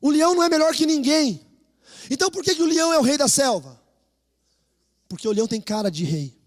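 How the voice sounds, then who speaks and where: A Brazilian pastor delivers a lively sermon in a strikingly high voice for a man, with a Brazilian Portuguese accent. He tells animated stories and urges the congregation to call out with him. His words ring through a church hall with a long, trailing reverb. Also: brisk. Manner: animated storytelling, rousing the congregation to repeat after him.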